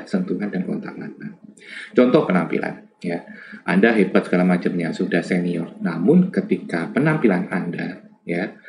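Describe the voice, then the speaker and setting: A man from Java giving an informal lecture on lab communication, chatty and full of fillers and tag questions. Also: deep voice. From Java, Indonesia.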